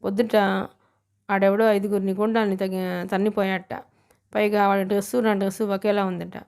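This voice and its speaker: A woman's voice: medium pitch, level tone, fairly quick, darkish tone, smooth, lightly acted. Bruised, complaining young man, read by a woman narrator; weary storybook part. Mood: self-pitying.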